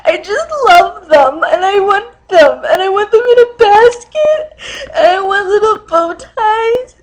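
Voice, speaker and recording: A woman's voice: a little high, husky, full character voice, low-quality recording. A woman playing a tearful, cat-obsessed dater. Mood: tearful, gushing. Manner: halting, full of ums, breaking into tearful sobs. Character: nervous cat-obsessed young woman on a dating video. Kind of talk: comedic dating-video sketch.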